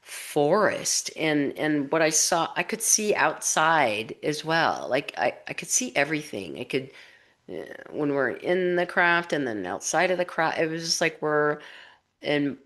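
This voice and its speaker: A woman researcher and author giving a casual spoken account of a personal experience, rambling and animated, with many fillers and restarts. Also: low voice, measured pace.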